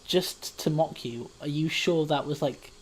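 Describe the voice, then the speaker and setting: A man with a slightly high voice co-hosting a casual podcast. He chats loosely, stumbling through ums and restarts before landing on a joke. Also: measured pace, slight background noise. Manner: hesitant, full of ums and restarts. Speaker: podcast co-host.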